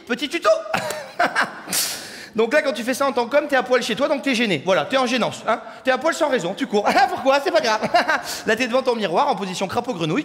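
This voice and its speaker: A man's voice: sits high, a bit bright. A young man doing a rowdy, crude stand-up comedy set and bantering with the crowd in a large hall. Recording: live hall reverb with faint crowd ambience.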